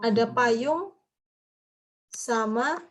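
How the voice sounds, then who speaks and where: A woman teaching a grammar class, patiently explaining and quizzing her students with drawn-out prompts. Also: a little high. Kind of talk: live class lesson.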